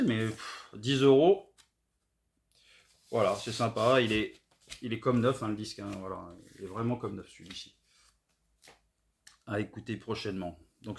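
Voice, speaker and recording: A middle-aged man from France chatting casually and hesitantly, with many fillers, about records he found. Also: mid-range voice. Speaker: record collector vlogger. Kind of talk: casual haul video chat.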